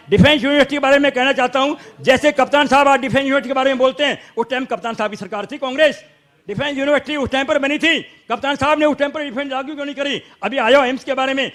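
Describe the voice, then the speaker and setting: A man's voice: very high-pitched, a bit bright. A man with a Haryanvi accent, a local supporter arguing insistently in a heated panel debate. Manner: insistent, argumentative, interrupts to defend his side.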